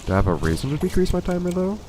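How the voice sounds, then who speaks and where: Racing along in a high, sing-song voice with a darkish tone, this congested-sounding let's play host gives dry, wry remarks over his gameplay. The casual commentary has slight background noise.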